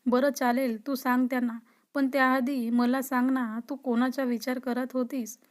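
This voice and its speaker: A cheeky young woman, read by a woman narrator teases her best friend playfully. The voice is high and fairly level, a light storybook reading. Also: level tone, moderate pace, close to an everyday voice. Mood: teasing. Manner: teasing, playful.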